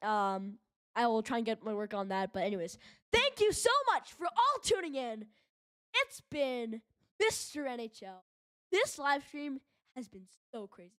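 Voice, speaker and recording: High-voiced excited fan streamer, woman. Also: no echo, studio quality. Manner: rapid excited calling, rambling chat asides. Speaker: live stream host. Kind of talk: fan play-by-play commentary.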